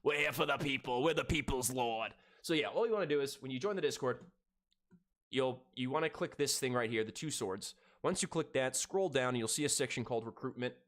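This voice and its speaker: A man's voice: mid-range voice, expressive, fairly quick. Give me a laid-back man in his thirties, cursing casually as he chats with his stream. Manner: laid-back, profane, talking to chat. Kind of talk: casual live-stream chat while gaming.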